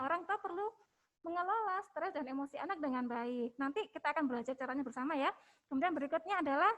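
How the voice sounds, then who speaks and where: High-voiced woman coaching parents. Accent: Indonesian. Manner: gentle, coaxing, ends phrases with "ya". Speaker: hospital health educator. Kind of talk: webinar talk for parents.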